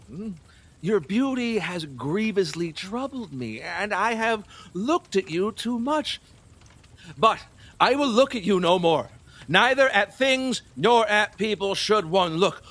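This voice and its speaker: In a theatrical audio play, a middle-aged king who is lustful, fearful and superstitious speaks in a husky, high, fairly bright and exaggerated voice. He's wheedling and volatile, pleading and boasting erratically, with nervous laughs and halting repeats.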